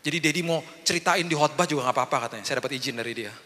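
A man's voice: on the high side, racing, sharp tone. A middle-aged man preaching a sermon as pastor, telling personal stories, acting out the voices in them and speaking directly to his congregation. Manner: personal storytelling that acts out the voices in the dialogue. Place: large church hall. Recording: long hall reverb from the church.

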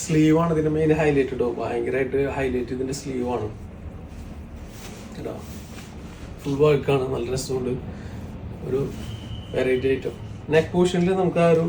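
A man with a Kerala accent giving a repetitive sales pitch as a shop presenter, mixing many English words into his Malayalam. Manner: repetitive, salesy patter with frequent tag words. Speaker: shop presenter selling women's outfits. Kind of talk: sales pitch showing products. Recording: roomy, distant mic, faint background noise.

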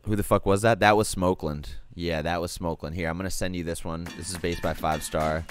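A man hosting a casual online music stream, laid-back, cursing freely and filling pauses with "um" and "like". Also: low voice, steady tone, smooth. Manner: laid-back, swears casually, lots of fillers. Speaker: stream host reviewing music submissions. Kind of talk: casual chat.

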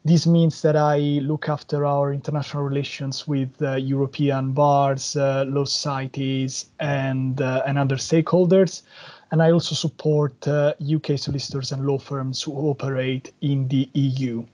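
Italian-accented man, dark voice. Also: mid-range voice, level tone, moderate pace. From Italy. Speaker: policy advisor speaker. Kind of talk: webinar presentation.

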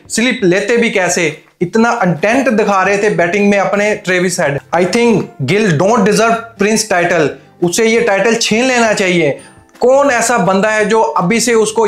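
A young man speaks to camera in a high voice, breaking down a cricket final with rhetorical questions and English phrases mixed in. He wears a lapel mic in a small studio set. The sound is roomy with faint music beneath. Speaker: cricket commentator. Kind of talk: opinionated match analysis to camera. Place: indoor studio set with armchair.

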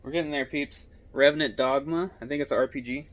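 A young man casually running through his video game collection, giving quick offhand comments on each title. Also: mid-range voice, fairly even intonation, slight background noise. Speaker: gaming YouTuber.

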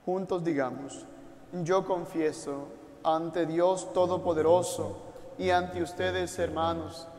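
Male priest, Puerto Rican Spanish accent, leading mass in a gently pastoral way, echoing through a church. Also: a little high, steady tone, takes it slowly. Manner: warm pastoral, direct appeals to listeners at home. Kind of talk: liturgical address to an online congregation. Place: church altar. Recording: long church reverb.

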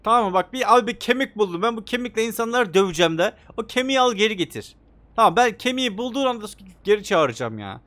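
Excitable young man doing game commentary. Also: high voice, fast. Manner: excitable, jokey, talks to the game characters. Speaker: gaming YouTuber. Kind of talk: let's play commentary.

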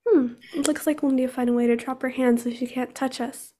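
A woman's voice: high-pitched, steady tone, a little fast, dark tone, pitched above the performer's own voice. A woman voicing a teenage girl heroine who stammers shyly and then teases. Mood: teasing. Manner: hesitant, then teasing. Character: teenage girl superheroine, shy but quick-witted.

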